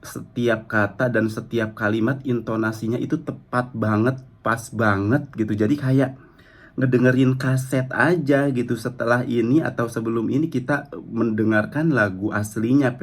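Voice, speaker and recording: A young man giving casual reaction commentary on a cover song, rambling and full of fillers as he praises the singer. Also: mid-range voice. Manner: rambling, frequent "eh" fillers and "gitu" tags, enthusiastic praise. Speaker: music reaction vlogger.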